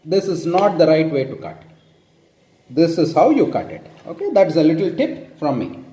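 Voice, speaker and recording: A man's voice: fairly high pitch, big pitch swings, normal speed, mellow, roomy sound. A man from India with an Indian English accent, casually explaining how he cooks at home and often checking in with "okay?". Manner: chatty, tags lines with "okay?", self-correcting. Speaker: home cook. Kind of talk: casual cooking tutorial. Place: home kitchen.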